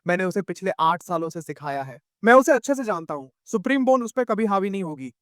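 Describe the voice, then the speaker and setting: Guy doing a chill old grandpa, calm and amused, higher voice, dry close sound. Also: fast talker, no echo. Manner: calm, laughing, reassuring. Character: proud elderly male clan grandfather, calm and amused.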